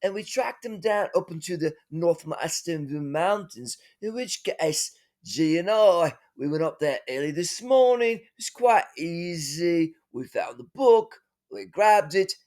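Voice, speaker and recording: High lively guy rambling on, like, right?, telling a wild story. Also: measured pace. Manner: rambling, many fillers and tag questions. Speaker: father telling an adventure.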